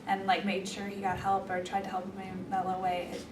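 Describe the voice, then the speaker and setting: A teenage girl, a student, giving a thoughtful, measured interview reaction. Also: medium pitch, completely flat delivery. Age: teens. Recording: roomy echo, distant mic, background noise.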